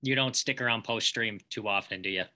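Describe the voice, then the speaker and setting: A man's voice: lowish voice, brisk, pushed and bright. A man hosting a podcast, asking short teasing questions in a casual chat. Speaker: podcast host.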